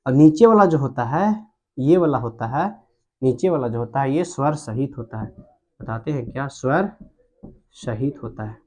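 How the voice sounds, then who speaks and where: A man's voice: medium pitch, animated, normal speed, warm tone. A man teaching Hindi grammar at a board, who repeats terms and asks his students questions. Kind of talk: whiteboard grammar lesson.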